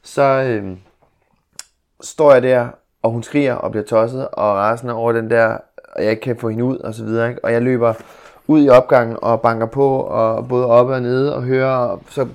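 A man, chatting casually as a fellow parent, reacting with quick exclamations. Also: medium pitch, fairly even intonation, darkish tone, smooth. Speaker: co-host, parent. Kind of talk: casual chat.

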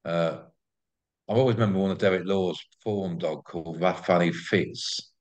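Low-voiced Englishman, effusive and chatty. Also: normal speed, darkish tone. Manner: effusive, repeats words and phrases. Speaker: interview guest, greyhound track promoter. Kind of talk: casual enthusiastic chat.

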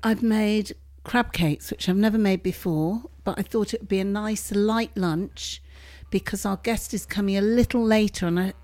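A woman's voice: medium pitch, normal speed, a little mellow. Older lady from manchester, nosy teasing podcast host, casual chat. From Manchester, England. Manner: inquisitive, exclamatory, teasing. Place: home kitchen.

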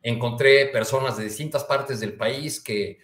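A man with a Mexican Spanish accent, a columnist guest chatting casually and haltingly, with many restarts and fillers. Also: medium pitch, fairly bright tone, reverberant. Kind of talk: casual chat.

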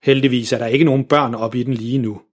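A man reads a children's story aloud with lively, expressive storytelling. His voice is husky and a little breathy, at a middle pitch.

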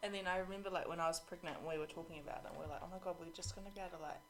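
A woman's voice: lowish voice, fairly even intonation, racing, a little hiss or hum. A woman with an Australian accent hosting a podcast in an informal, conversational chat style. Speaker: podcast host. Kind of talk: casual chat.

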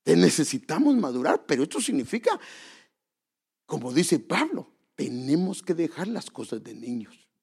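A man's voice: a little high, very animated, moderate pace, creaky, darkish tone, breathy edge. A man preaching a sermon, earnestly exhorting his congregation and asking them rhetorical questions.

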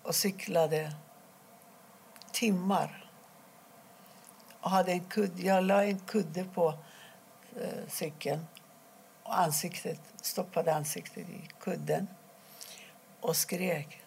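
A middle-aged woman from Iran, telling her own story in an interview, quietly and haltingly, with many pauses. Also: on the low side, fairly even intonation, creaky, slight background noise. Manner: halting, quiet and emotional, pausing often. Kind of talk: personal testimony interview.

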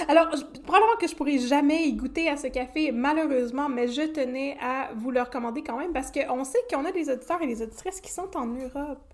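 High-voiced Québécois woman podcast host. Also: darkish tone. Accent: Québécois French. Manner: playful, chatty, laughs often. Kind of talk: casual chat.

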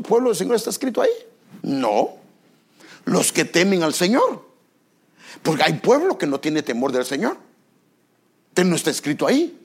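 A man's voice: a little high, creaky, breathy edge. A male pastor preaching a sermon, asking the congregation rhetorical questions and stressing repeated words.

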